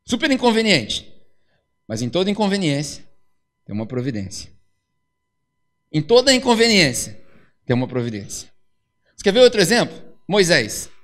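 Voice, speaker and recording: High-voiced pastor preaching. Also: male voice, normal speed, long pauses. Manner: slangy, lively storytelling, repeating catchphrases. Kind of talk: casual sermon with acted-out dialogue.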